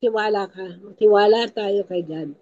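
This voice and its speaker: A lay speaker at a prayer group gives a teaching talk, emphatic and repeating her key points, with moments where she becomes tearful. Her voice is medium-pitched, a little slow and mellow, with the highs cut off.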